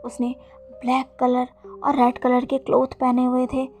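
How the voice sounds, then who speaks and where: A woman narrating fan fiction in a steady, plain storytelling manner. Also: sits high, unhurried. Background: faint background music.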